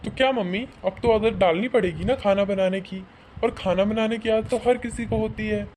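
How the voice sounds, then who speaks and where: A man's voice: sits high, normal speed, darkish tone, slight background noise, natural voice. A man voicing a young adult son in a cartoon who sides with his sister, firm and dismissive. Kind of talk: cartoon voice acting.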